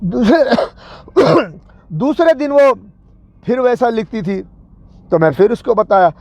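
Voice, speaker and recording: A man telling a personal story from his school days in an unhurried, reminiscing way. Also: extremely high pitch, expressive, darkish tone. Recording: dull lo-fi recording.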